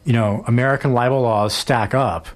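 Male talk-radio host, mid-pitched, casual and rambling. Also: fairly even intonation, normal speed. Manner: conversational, rambling with fillers.

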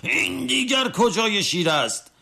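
A man voicing a boastful tough-guy customer who turns cowardly and complains about pain in high, jumping cries. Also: big pitch swings, bright, forceful tone. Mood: whining.

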